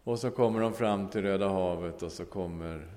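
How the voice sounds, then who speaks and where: A man's voice: sits low, a little mellow. A male preacher giving a sermon, telling a Bible story with humor and ending in prayer. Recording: long echoing hall reverb.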